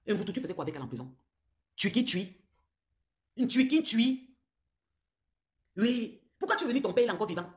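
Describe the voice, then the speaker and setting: A woman's voice: mid-range voice, sing-song, rapid-fire. A woman with a Cameroonian French accent, hosting a heated live-stream rant, accusing and taunting someone in a confrontational way. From southern Cameroon.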